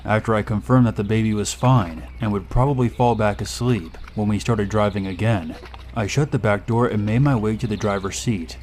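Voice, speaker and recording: A man reading a first-person horror story aloud in a steady, measured way. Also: lowish voice, a little hiss or hum. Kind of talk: scripted horror story narration.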